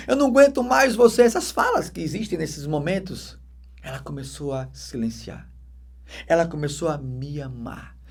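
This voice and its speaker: A man with a Brazilian Portuguese accent preaches his conversion testimony as a deacon. His voice is husky and sits a little high for a man. He swings from loud, emphatic bursts to hushed, soft passages. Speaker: permanent deacon giving testimony.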